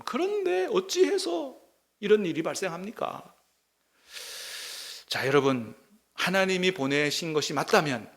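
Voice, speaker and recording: A male pastor delivers a sermon in a church sanctuary, his voice sitting a little high for a man. He alternates between reading scripture aloud and turning to the congregation with direct rhetorical questions. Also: fairly bright tone. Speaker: senior pastor. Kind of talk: sermon at a weekday prayer meeting.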